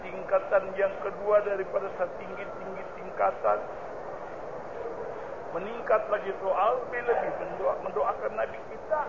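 A man teaches a religious study lesson, working through a hadith text. He is emphatic and keeps posing questions to his listeners and then answering them himself. His voice sits high and gravelly, and the recording is muffled and lo-fi with clear noise behind him. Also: animated, normal speed.

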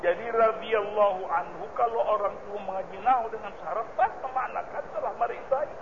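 Working through a hadith text, a man teaches a religious study lesson emphatically and fairly quickly, repeatedly asking his listeners questions and answering them himself. His voice is high and gravelly, and the muffled, lo-fi recording has clear background noise.

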